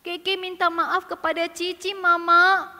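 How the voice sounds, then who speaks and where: A woman voicing a curious, mischievous little younger sibling who talks in a slow, pleading childlike way. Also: very high-pitched, lively intonation, sharp tone, long reverb tail, voice pushed up, full character voice. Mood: apologetic.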